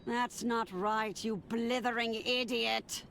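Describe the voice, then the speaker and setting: A woman's voice: on the high side, little pitch movement, slow pace, gravelly, a bit bright, slight background noise, exaggerated voice. A woman voicing a bossy, scheming aristocratic mother in a comedic game, haughty and scolding. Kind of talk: comedic adventure game acting.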